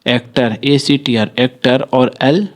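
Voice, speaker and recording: A man with an Indian accent teaches English pronunciation at a steady, mid-range pitch. He poses his own questions, answers them, and draws each example word out slowly. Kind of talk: classroom-style video lesson.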